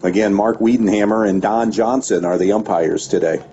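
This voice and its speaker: Man, baseball play-by-play announcer, mellow voice, steady calling with stats, dull radio sound, faint background hiss. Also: moderate pace. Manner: steady pitch-by-pitch calling with stats between pitches.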